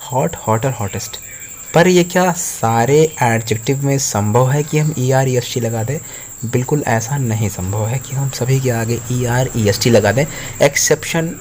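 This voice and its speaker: A man's voice: mid-range voice, darkish tone, a little hiss or hum. Man teaching an English grammar lesson. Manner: patient step-by-step explaining.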